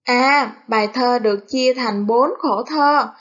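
A high-pitched woman with a Southern Vietnamese accent leads a reading lesson for young pupils. She speaks very slowly and spells out each word with care, as a teacher does. The recording sounds dull and lo-fi. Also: a bit bright. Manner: slow, careful, over-articulated classroom delivery. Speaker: primary school teacher.

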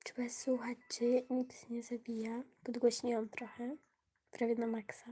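On a casual gaming stream, a woman talks to her audience in an unhurried, flat, mellow voice that sits on the high side and sounds slightly rough from a cold. She frequently slips into a whisper as she plays and is quick to get flustered after a loss.

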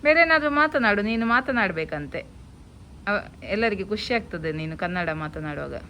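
A woman, a mother chatting casually in her home vlog and gently coaxing her child. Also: mid-range voice, animated, moderate pace, a little hiss or hum.

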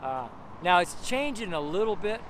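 Preaching on a sidewalk next to a busy street, this man speaks at a normal speed in a high, sing-song, somewhat bright voice. His sermon is rambling and emphatic, sprinkled with chuckles and frequent fillers. The low-quality recording comes from a camera held close in selfie framing, with passing traffic clearly audible.

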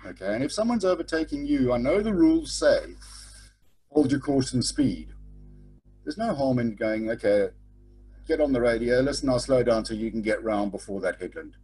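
This is a middle-aged sailing teacher lecturing online through a webcam, informal and direct, with frequent "okay?" tags. His medium-pitched voice is expressive and dark with a breathy edge, at a moderate pace. The recording is rough.

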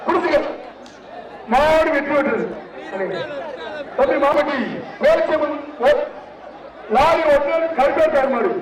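A very high-pitched man calls a bull-taming event through a megaphone and belts out repeated cheers and counts. His amplified voice echoes from far off across an outdoor arena. A loud crowd roars behind him. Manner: shouting repeated cheers, urging and counting the riders. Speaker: bullfight announcer. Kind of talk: live event commentary over a PA. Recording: echoey loudspeaker audio from afar, loud crowd.

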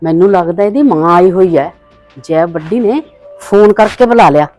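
ਇੱਕ ਔਰਤ ਵੱਲੋਂ ਨਿਭਾਈ ਬੁੜਬੁੜਾਉਂਦੀ ਸੱਸ, ਸੁੱਕੀ ਆਵਾਜ਼. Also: female voice, on the low side, normal speed, darkish tone, no room sound, soft background music, close to an everyday voice. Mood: grumbling. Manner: grumbling, defiant. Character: sharp-tongued defiant mother-in-law. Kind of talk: Punjabi web drama acting.

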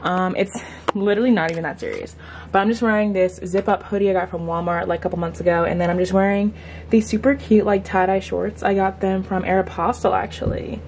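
A woman's voice: medium pitch, fairly even intonation, quick pace, a little mellow, slight background noise. A young adult woman chatting casually to camera in a slangy, self-deprecating way as she vlogs. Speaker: vlogger. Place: small bedroom, car, gym locker room. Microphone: handheld camera at arm's length.

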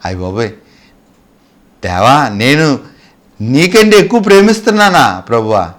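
A man's voice: mid-range voice, very animated, measured pace, fairly bright tone. An awestruck old patriarch who pleads humbly before his god, played by a man in a sermon.

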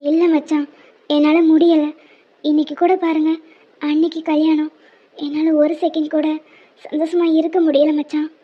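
A woman voicing a gentle, heartbroken young woman in a cartoon, speaking softly and pleading while tearful. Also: high voice, flat delivery, moderate pace, long pauses, lightly acted. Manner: soft, pleading. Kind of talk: cartoon voice acting. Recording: dull lo-fi sound.

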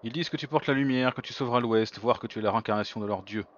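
A man's voice: medium pitch, racing, dull audio, a little hiss or hum, natural voice. A man voicing a scheming, haughty prime minister in a fantasy game, condescending and declamatory. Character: scheming, haughty male prime minister hungry for an emperor's crown.

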